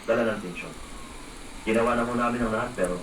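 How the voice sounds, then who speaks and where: A man playing a calm, polite doctor. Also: mid-range voice, natural voice. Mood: somber. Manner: formal, polite and measured. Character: calm male doctor breaking bad news. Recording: echoey, distant, noisy playback.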